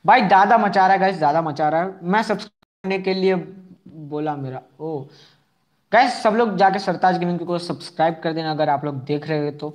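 A man's voice: on the high side, fairly quick. A young man hosting a casual live game stream, chatting with viewers, repeating himself and asking for likes. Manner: chatty, answers viewers' chat messages one by one.

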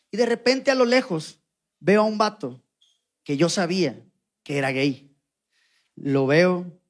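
A young Mexican comedian tells a long story on stage in a high, bright voice. His delivery is slangy and animated, with quick asides and impressions of the people in his tale. He speaks with a Mexican Spanish accent. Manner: slangy, animated, mimics voices in quoted lines. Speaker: stand-up comedian. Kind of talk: stand-up storytelling. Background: audience laughter.

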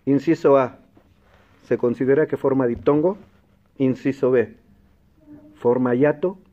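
A Mexican man with a Mexican Spanish accent hosts an educational quiz show, speaking clearly and patiently and repeating the answer options slowly. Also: medium pitch, fairly even intonation. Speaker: quiz host and teacher. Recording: dull lo-fi broadcast sound.

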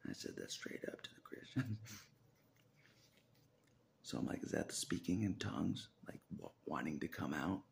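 Filmed at arm's length on a phone in a small room, this forty-something religious vlogger wanders through his thoughts with hesitant restarts, repeated phrases and half-whispered asides. His voice is low and animated with vocal fry, at normal speed and with long pauses.

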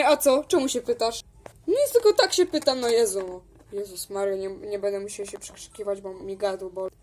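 A woman improvising a toy role-play, switching between several chatty schoolgirl characters and often raising her pitch and volume. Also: darkish tone.

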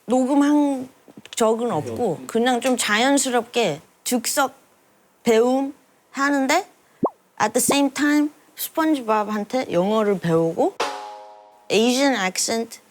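A woman's voice: on the high side, slow pace, noisy background. A woman in an improvised sitcom scene who talks casually and drops English phrases into her speech.

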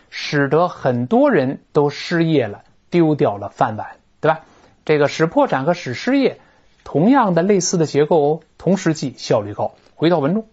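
A male English teacher walks through a textbook passage. He talks in a colloquial, lively way, his voice bouncing up and down in pitch. The recording sounds muffled and lo-fi. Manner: lively, colloquial, northern-style chatty explanations. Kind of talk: explaining a textbook text. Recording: dull lo-fi recording.

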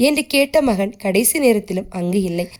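A woman reading a short story aloud as a steady, scripted narration, keeping the characters close to her own voice. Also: medium pitch, normal speed.

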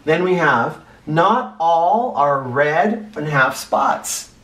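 Extremely slow and animated, a middle-aged man's voice sits on the high side with a bit of brightness as he teaches first graders, reading a picture book and emphasizing key words in simple explanations. The recording, from a camera a short way off, sounds roomy and distant.

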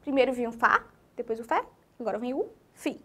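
Brazilian woman, children's teacher; high-pitched, very animated, sing-song delivery aimed at young kids. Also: a little fast. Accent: Brazilian Portuguese. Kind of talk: children's literacy lesson.

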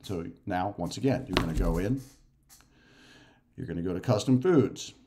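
Filmed in his living room with a noisy background, this man in his forties coaches fitness and nutrition in a low, expressive voice at normal speed. His casual on-camera lesson moves step by step, repeating points and peppered with "okay?" and "right?"

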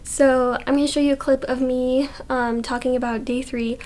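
A woman's voice: high-pitched, level tone, moderate pace, darkish tone, poor audio. A woman vlogging casually about recovering from nose surgery, talking through heavy congestion and often dropping to a whisper. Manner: chatty, often drops to a whisper.

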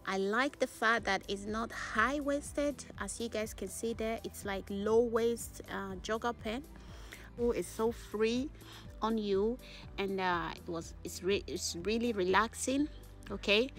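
A woman talks through a clothing try-on haul in a mid-pitched, conversational voice. She is chatty and enthusiastic, and she often ends a phrase with a questioning "okay?". Faint music plays underneath. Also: takes it slowly. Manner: switches to voice-over narration partway. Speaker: vlogger. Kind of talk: casual try-on haul vlog.

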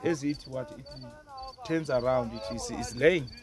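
A man's voice: mid-range voice, a little slow, a crowd in the background. A man from Zimbabwe who runs a plant nursery, answering interview questions outdoors and searching hesitantly for words. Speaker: nursery owner.

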